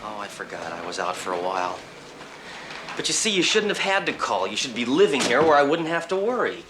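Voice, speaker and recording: An actor playing a protective, insistent young boyfriend in a 1970s TV drama. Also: male voice, medium pitch, very animated, brisk, noisy background, lightly acted. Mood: concerned.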